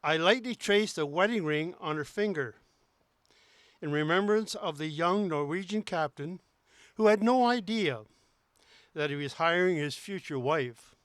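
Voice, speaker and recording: A man delivers a prepared dedication speech in an earnest, heartfelt tone. His voice is smooth and resonant, pitched a little high. The sound is close and dry. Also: expressive, unhurried, a bit bright, dry recording. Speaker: sculptor giving a dedication speech.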